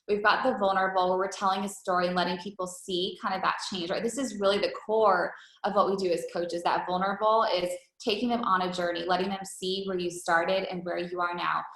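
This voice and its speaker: A woman coaches a team on an informal training call, chatty and wordy, peppering her talk with rhetorical check-in questions. Her voice is on the low side, level and fairly bright, and she speaks briskly with few pauses. The call recording is roomy and echoey.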